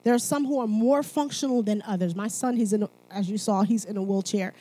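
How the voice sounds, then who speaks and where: A woman from Haiti addresses a church gathering in a mellow, mid-range voice at a fairly quick pace. Part sermon and part personal testimony, her delivery is emphatic and conversational, with regular check-ins with those listening.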